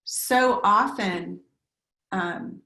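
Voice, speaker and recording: A woman meditation teacher speaking gently and reflectively, in a voice of middle pitch. She slows down to list words one after another. The recording has a roomy echo. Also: creaky. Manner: gentle, reflective, lists words in slow cadences. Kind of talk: teaching talk on a video call.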